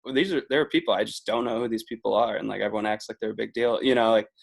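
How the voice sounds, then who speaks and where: A man's voice: on the low side, steady tone, racing, creaky, breathy edge. Chatty man in his twenties. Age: 20s. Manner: chatty, laughs often, leans on filler "like". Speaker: podcast guest, video producer. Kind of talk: casual podcast chat.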